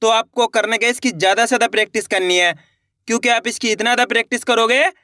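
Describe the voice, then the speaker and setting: A man teaching Hindi spelling step by step, asking questions and answering them himself, and drawing out each word slowly as he sounds it out. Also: very high voice, fairly even intonation, sharp tone, no echo, clean studio sound. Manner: repetitive, asks and answers his own questions; stretches out words slowly when sounding them out.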